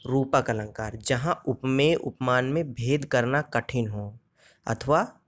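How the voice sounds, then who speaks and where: This exam-prep grammar lesson comes from a male teacher of medium pitch, with slight background noise in the recording. He goes step by step, answering questions he asks himself, and slows down to recite examples from verse.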